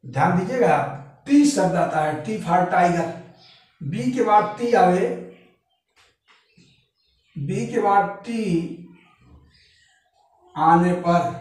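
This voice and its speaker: A man with a Hindi accent gives a patient pronunciation lesson in a high, carrying voice, spelling words out letter by letter. He sounds set back from the mic, and his voice rings around a very echoey room. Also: lively intonation, a little mellow, far from the mic. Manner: repeats points, addresses viewers as friends, spells letters slowly. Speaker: English teacher.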